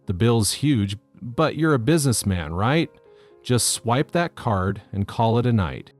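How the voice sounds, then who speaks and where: A man's voice: mid-range voice, animated, a little slow, faint music behind, close to an everyday voice. A man narrating the lines of a smug, pushy male cousin in a story. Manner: smirking, pushy.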